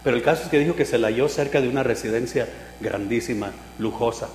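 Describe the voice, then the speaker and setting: A man preaching a sermon, telling a humorous personal story with loud exclamations and quiet asides. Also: medium pitch, fast talker. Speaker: pastor. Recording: echoey hall with mains hum.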